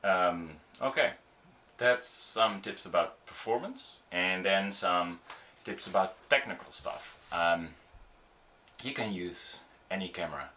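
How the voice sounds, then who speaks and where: A man's voice: low-pitched, bright, forceful tone, slight background noise. A middle-aged man, giving an informal video tutorial on performing for the camera, with frequent ums and restarts. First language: Dutch. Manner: halting, many ums and restarts, demonstrative. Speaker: audiovisual producer teaching on-camera skills.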